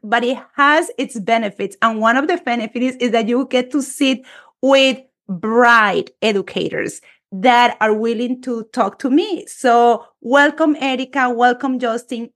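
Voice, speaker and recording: A woman hosting a podcast interview over a video call, enthusiastic and expressive as she welcomes her guests. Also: on the high side, unhurried. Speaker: podcast host. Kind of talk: casual interview chat.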